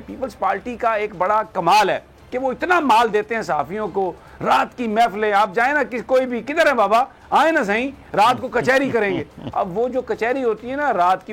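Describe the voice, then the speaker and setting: A man's voice: high-pitched, a bit bright. A man giving heated political commentary as a guest analyst, slipping into English phrases. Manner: impassioned, switches into English phrases.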